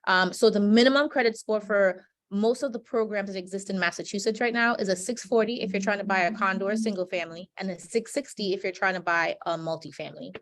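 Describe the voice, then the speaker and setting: A woman's voice: medium pitch, fast, hardly any pauses. Woman from Trinidad explaining finances. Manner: explanatory, peppered with "right?" and "um". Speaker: financial educator. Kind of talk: webinar presentation. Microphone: video call.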